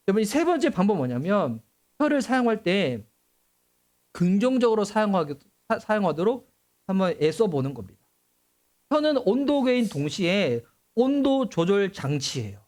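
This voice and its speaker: A middle-aged man preaching a sermon as pastor, animated and acting out voices and exclamations. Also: high-pitched.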